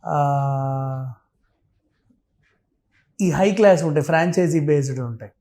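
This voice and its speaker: This man speaks slowly in a slightly high, dark-toned voice with a Telugu accent. He talks casually, mixing in English words and explaining things through everyday examples and lists.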